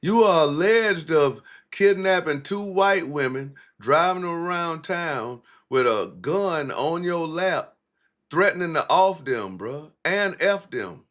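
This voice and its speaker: A man's voice: on the high side, expressive, slow pace, fairly bright tone. A man hosting a livestream, giving blunt, profane, mocking commentary in casual street talk.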